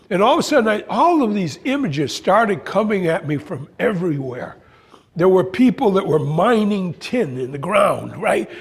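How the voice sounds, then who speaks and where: An older man telling a spiritual story in an animated way, acting out voices and exclamations. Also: fairly high pitch, vocal fry, slightly rough. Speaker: spiritual speaker. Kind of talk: storytelling talk.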